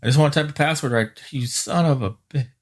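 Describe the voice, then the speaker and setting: A man's voice: mid-range voice, quick pace. A man teaching a live-streamed IT class, muttering and grumbling at the computer while he reads out network addresses as he types. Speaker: IT instructor.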